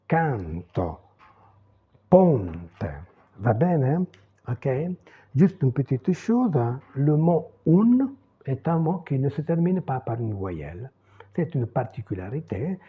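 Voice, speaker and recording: Slow, explaining Italian man, tinny sound. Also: medium pitch, breathy edge. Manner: slow, explanatory, with frequent "hein" and "va bene". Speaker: Italian teacher. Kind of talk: online pronunciation lesson. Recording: tinny phone-like audio.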